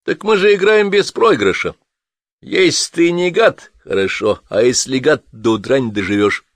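A hoarse, curt partisan fighter, as a male narrator acts him out, pitched up and forceful with a rough edge. The voice sits close and dry, with no room around it. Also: animated, moderate pace, no echo, lightly acted. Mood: cold. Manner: curt, threatening. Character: hoarse, menacing partisan man, armed.

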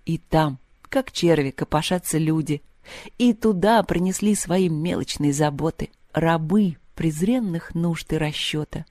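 Woman audiobook narrator, dark-toned, dry close mic. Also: deep voice, a little slow, no echo. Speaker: audiobook reader. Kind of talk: scripted literary narration.

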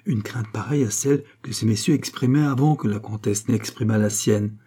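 A man reading an audiobook, voicing a proud, wounded queen who speaks with sharp irony and rising fury. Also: fairly low pitch, brisk, husky. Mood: biting.

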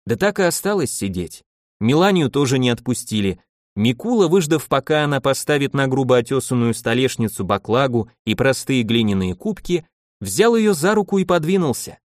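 A man narrates an audiobook in a measured, even storytelling manner, at medium pitch. The studio-quality recording has no room sound.

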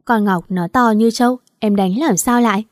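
A woman's voice: a little high, moderate pace, no echo, clean studio sound, lightly acted. Female reader as a stern young police officer husband; firm, scolding.

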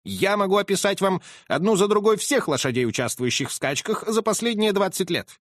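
Man doing a high, excitable old colonel. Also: fairly quick, no echo, clean studio sound. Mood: agitated. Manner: agitated, exclaiming, indignant. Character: excitable aristocratic old male colonel, racehorse owner.

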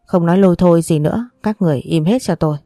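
A domineering old matriarch , read by a woman narrator scolds and gives orders in a low, dark voice. The sound is dry and close, a storybook reading with little room. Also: quick pace, no echo, lightly acted. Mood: stern. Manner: scolding, authoritative. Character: stern, commanding elderly grandmother, matriarch.

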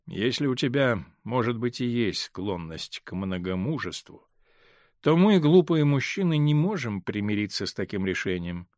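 A male reader voicing a hurt, stern middle-aged husband in an audiobook, speaking in a measured, grave way that holds back pain. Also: medium pitch, sing-song, a little mellow, no room sound, clean studio sound, natural voice. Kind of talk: audiobook character reading.

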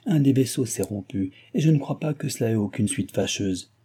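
Man voicing a surgeon, calm and measured, husky. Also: medium pitch. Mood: reassuring. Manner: measured, reassuring. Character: calm, reassuring male surgeon.

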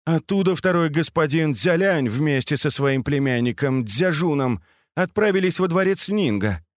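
A man's voice: on the high side, animated, normal speed, dry recording, clean studio sound, voice pushed up, close to an everyday voice. A man reading aloud, voicing a terrified male servant who pleads and explains timidly. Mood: nervous.

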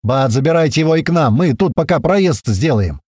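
A man reads a gruff male commander barking loud orders in a dry, close sound. The orders come out forceful and clipped. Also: fairly high pitch, expressive, brisk, no echo, voice pushed up. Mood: angry commanding. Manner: shouting orders.

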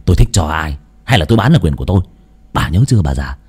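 A man's voice: deep voice, big pitch swings, brisk, a little mellow, exaggerated voice. A man voicing a rude, arrogant young son snapping at his mother. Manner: snapping, mocking, rough.

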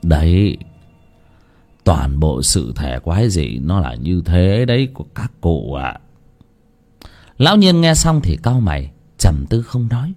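A man's voice: low voice, very animated, a little slow, a little mellow, soft background music. A man narrating a horror story with dramatic, varied storytelling.

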